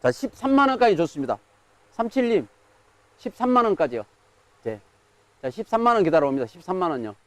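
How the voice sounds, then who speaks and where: A man's voice: high-pitched, big pitch swings, fairly quick, pauses often, fairly bright tone, no echo. A man working as a live auctioneer, calling out bids, counts and sales in auction patter.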